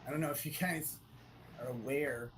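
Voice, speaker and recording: Man on a tinny low-quality mic. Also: normal speed, a bit bright, a little hiss or hum. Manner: rambling, hesitant, restarting sentences. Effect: tinny low-quality built-in computer mic. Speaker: live streamer. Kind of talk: casual live-stream chat.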